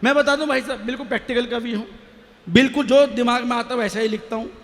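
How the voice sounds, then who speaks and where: Male stage comic poet, high voice, jokey storyteller who banters with the crowd, reverberant live mic. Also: fairly even intonation, quick pace, fairly bright tone. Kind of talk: comic poetry recital.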